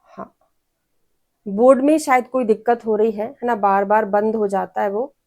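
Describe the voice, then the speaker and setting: A woman's voice: mid-range voice, fairly even intonation, normal speed, a little mellow. A woman teacher giving an exam-prep lecture. She explains patiently, sounds out each syllable and has students repeat after her. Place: teaching room with a board.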